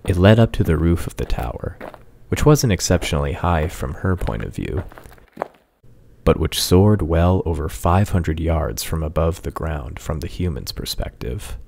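A man reading a fantasy story aloud in scripted narration, slow and measured. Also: very deep voice, expressive, creaky, darkish tone, a little hiss or hum.

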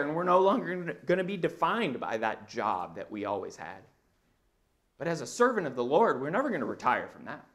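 Man in his thirties, sermon, lively rising and falling pitch, slightly high voice, church auditorium, body mic. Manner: animated, conversational preaching, walking the stage. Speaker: preacher. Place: church auditorium with a projection screen.

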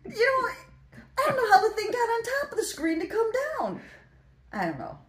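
A woman in her fifties, a long-distance hiker vlogging with her partner, telling stories in a lively, laughing way into a phone held at arm's length. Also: extremely high pitch, moderate pace, echoey room. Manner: animated storyteller, laughs often. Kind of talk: casual chat to camera. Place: hotel room, indoors.

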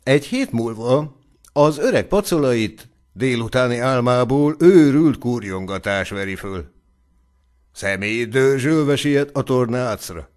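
A man's voice: medium pitch, expressive, darkish tone. A man reading a story aloud as an audiobook narrator, in a scripted narration.

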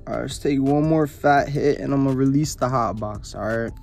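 A young man talks like a stoner, loose and rambling, in a mid-pitched voice. He sounds high as he chats casually into a camera close by in a small, enclosed space. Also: brisk, creaky, a little mellow, soft background music. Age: young adult. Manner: stoner drawl, hazy and rambling. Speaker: vlogger. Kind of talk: casual slangy chat to camera. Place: small enclosed pillow fort indoors.

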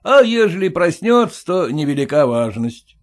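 A man's voice: on the high side, big pitch swings, normal speed, voice pushed up. A man reading an audiobook, voicing a rude, prying merchant landlord who bullies his tenants. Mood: blustering.

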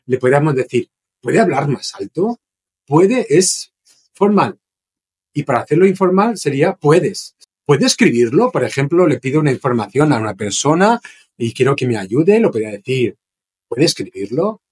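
A man's voice: mid-range voice, big pitch swings, a little fast, darkish tone, slightly rough. A man teaching Spanish phrases in an online lesson, explaining with restarts and checking in with "¿sí?". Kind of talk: informal online language lesson. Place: home, streaming test with screen sharing. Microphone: computer mic on a streaming platform.

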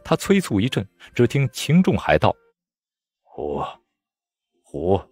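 A man giving expressive audiobook narration of a martial-arts novel. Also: mid-range voice, moderate pace, husky, no echo. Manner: lively, expressive storytelling. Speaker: storyteller.

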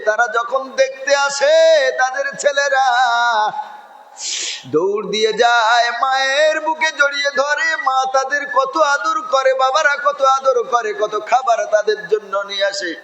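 A male Islamic preacher with a Bengali accent gives an emotional sermon, moving between loud cries and soft tearful pleading. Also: extremely high pitch, a little slow, muffled recording, faint music behind. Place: religious gathering in a large hall. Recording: echoey hall with long reverb.

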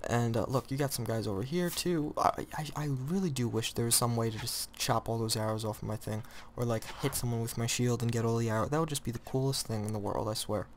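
Here the same young gamer rattles through his let's play with barely a pause, his excitable narration looping back to correct itself again and again. His pitch stays in a normal middle range, and light hiss lingers in the background.

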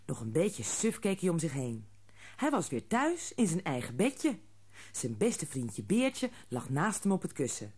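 A woman narrating a children's storybook in a gentle, expressive way. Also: low voice, a little slow, husky.

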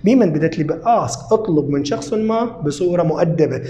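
A man with an Iraqi Arabic accent explaining an English lesson, asking himself questions and then slowly repeating the answers word by word. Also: a little high, lively intonation, mellow, reverberant, slight background noise. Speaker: English teacher.

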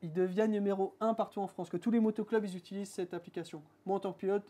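A man's voice: high voice, steady tone, fast talker, dark tone. A man in his thirties hosting an interview, asking long, chatty questions hedged with fillers, recorded in a workshop studio on a lapel mic. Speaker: interviewer, host. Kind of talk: casual interview. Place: dim motorcycle workshop studio.

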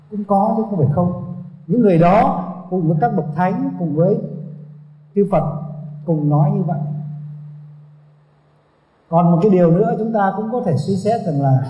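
A man giving a Buddhist dharma talk to a seated audience, prodding them with questions and asking for a show of hands. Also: sits high. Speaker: Buddhist monk teacher. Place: hall with audience. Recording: echoey hall, dull lo-fi sound.

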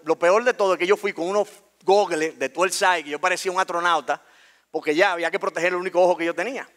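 Dominican guy on stage spinning a story, bright high voice, really lively. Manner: animated, colloquial, acts out scenes. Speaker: speaker. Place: stage in a talk venue.

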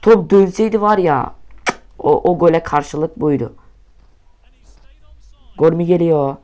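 A young man talks over his own football match in a slightly high voice. He swears constantly, yelling at goals and dropping to low mutters in between. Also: takes it slowly. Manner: swearing, excitable, shouts at goals then mutters. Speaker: gamer commentating his own play. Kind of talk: casual gaming commentary.

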